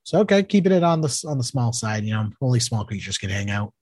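A man with a Boston accent co-hosting a podcast, chatting casually about card games and thinking aloud haltingly. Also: medium pitch, big pitch swings, a little mellow, breathy edge, no room sound, clean studio sound. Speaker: podcast co-host. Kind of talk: casual banter and card game commentary.

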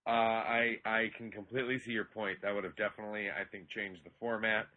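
A man co-hosting a casual comedic podcast, rambling and filling pauses with ums and uhs. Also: lowish voice, level tone, narrow, tinny audio. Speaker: podcast co-host.

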